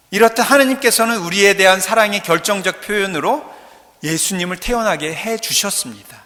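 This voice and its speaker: A man's voice: high voice, bright, forceful tone. A man giving a sermon as a priest, playful, acting out bits of dialogue and dialect jokes. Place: church. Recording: echoey church with long reverb.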